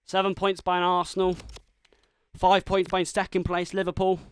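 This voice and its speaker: A man streaming a football video game live, calling the action like a commentator and shouting at the big moments. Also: sits high, monotone, normal speed, clean tone, no echo. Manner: mimics a football commentator and a team manager.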